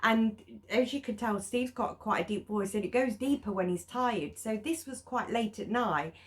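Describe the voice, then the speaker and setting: A woman's voice: a little high, normal speed. A middle-aged woman, telling a story in a casual vlog chat and acting out her own reactions. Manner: animated, acts out her own past reactions. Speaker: vlogger.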